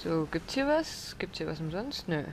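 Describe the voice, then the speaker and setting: A woman's voice: lowish voice, sing-song, moderate pace, background noise. A woman giving blind let's play commentary, swearing, exclaiming and scolding the enemies aloud.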